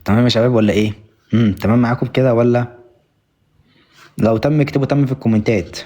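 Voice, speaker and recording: A man's voice: mid-range voice, fairly even intonation, fast, dark tone. A young Egyptian man teaching German on a live stream, repeating each word over and over and thanking viewers often. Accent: Egyptian Arabic. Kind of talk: live-stream language lesson.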